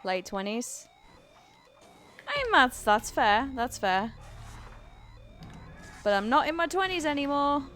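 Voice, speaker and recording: A woman's voice: high-pitched, big pitch swings, slow, long pauses, a bit bright, slight background noise. A woman in her thirties streaming a video game live, chatting with viewers and swearing and exclaiming at the action. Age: 30s. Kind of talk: live gameplay commentary. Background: faint game music.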